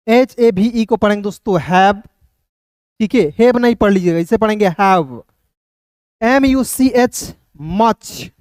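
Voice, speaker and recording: A man's voice: high voice, a little mellow, no room sound. Male tutor, patient letter-by-letter explainer, dry close sound. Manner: slow, spells words letter by letter, asks "clear?". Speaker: English teacher. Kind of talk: reading lesson taught in Hindi.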